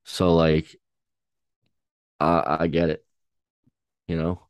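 A young man co-hosting a casual song-reaction chat, talking in a halting way with many ums and restarts. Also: extremely low pitch, little pitch movement, dry recording. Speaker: podcast co-host.

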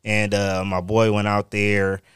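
Smooth, low Bay Area man. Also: flat delivery, measured pace, fairly bright tone, no echo, studio quality. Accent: Bay Area Californian. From Northern California. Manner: slangy, profane, peppered with "you know what I mean". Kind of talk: casual chat.

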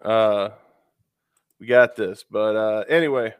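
A podcast co-host who's clearly sick, stuffy and sniffling, chats loosely and profanely, filling his talk with lots of fillers. His voice is on the low side and he takes his time. The sound is clean, with no room sound.

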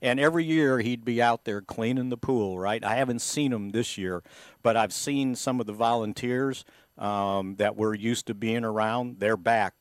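A man co-hosting a sports podcast. He chats casually and tells anecdotes, often restarting his sentences. His voice sits mid-pitch and sounds dry and close on a studio mic. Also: moderate pace, dry recording. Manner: storytelling, many false starts. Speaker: podcast co-host.

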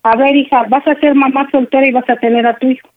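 A woman's voice: high-pitched, flat delivery, fast talker. A middle-aged woman on the phone, a firm and protective mother who keeps cutting in with "a ver". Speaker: prank call target, mother. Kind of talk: phone conversation. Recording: tinny phone line.

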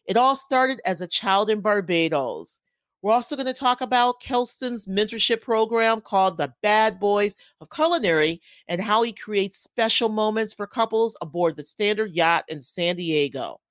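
A woman hosting a food podcast reads a polished, scripted introduction, then moves into an interview chat with her guest. Her medium-pitched voice is animated at a moderate pace.

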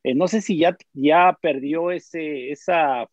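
A man's voice: a little high, takes it slowly, dry recording, muffled recording. A man with a Mexican accent, a former player, talking football in casual chat, hesitant and full of fillers and tag questions. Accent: Mexican Spanish.

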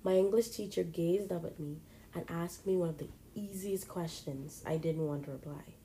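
A woman reading a first-person story aloud in a plain, steady manner. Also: fairly low pitch, normal speed, a little hiss or hum, poor audio.

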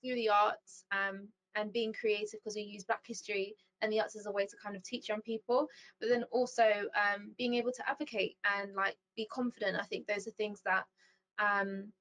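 A woman's voice: mid-range voice, steady tone, normal speed, a bit bright, low-quality recording. Thoughtful young woman guest. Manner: thoughtful, many ums and likes. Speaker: founder and CEO, guest. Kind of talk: casual interview chat.

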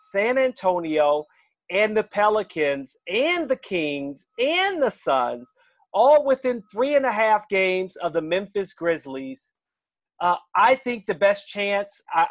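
A man's voice: high voice, dry recording. A man co-hosting a sports betting chat, reading out odds and putting questions to his partner. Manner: leads the talk, reads odds, asks questions. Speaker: sports betting podcast co-host.

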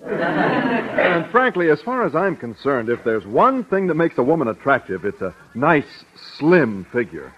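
A bashful, stuffy teacher, earnest and halting, in a slightly high, lively voice. The 1950s radio comedy recording is muffled. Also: male voice, slight background noise. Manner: hesitant, earnest, pedantic. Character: bashful, stuffy, penny-pinching male teacher. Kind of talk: 1950s radio sitcom acting.

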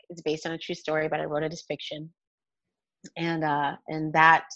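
Female interview guest, very low pitch, candid and halting, on a dry, slightly muffled recording. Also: a bit bright, no echo. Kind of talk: personal testimony in conversation. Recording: dull, lo-fi, close dry sound.

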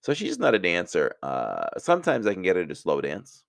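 A man's voice: sits low, wildly swooping pitch, brisk, vocal fry, no echo, clean studio sound. A middle-aged man hosting a podcast, telling a personal story in a chatty, self-mocking way and laughing at his own jokes. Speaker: podcast host. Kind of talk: casual storytelling.

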